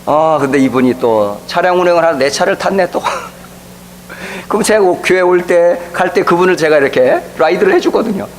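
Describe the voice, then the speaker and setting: A man's voice: high voice, expressive, moderate pace, slight background noise, low-quality recording. A middle-aged male pastor preaching a sermon, telling a story and acting out the voices of the people in it. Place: church sanctuary.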